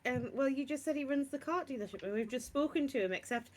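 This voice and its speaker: A woman's voice: high-pitched, fast talker. A woman playing a tabletop game, pushy and blunt, swearing freely. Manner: bossy, laughing, swears bluntly. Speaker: player. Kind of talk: tabletop role-play.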